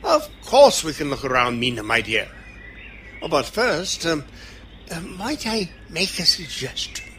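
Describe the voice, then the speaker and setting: An actor in an audio drama playing an eccentric, kindly, cheerful old time-travelling doctor who dithers through ums and broken phrases. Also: male voice, a little high, sing-song, unhurried, pushed and bright, a little hiss or hum, full character voice. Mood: fussy, gentle.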